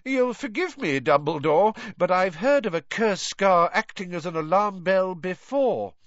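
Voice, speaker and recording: A man's voice: animated, measured pace, dry recording, highs cut off. A man voicing a blustering, pompous, stubborn male wizard politician in an indignant audiobook performance. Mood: affronted, angry. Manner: indignant, pompous, shrill when outraged.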